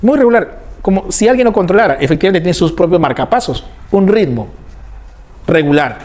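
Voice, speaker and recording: High-pitched man teaching a class, animated, asks questions and answers them himself. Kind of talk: classroom lecture.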